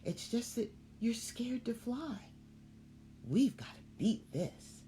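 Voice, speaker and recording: A woman's voice: sing-song, takes it slowly, mellow, a little hiss or hum. A woman voicing a worried, protective mother bird in a children's story, coaxing and urgent. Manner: urgent and coaxing, rising to shrill cries.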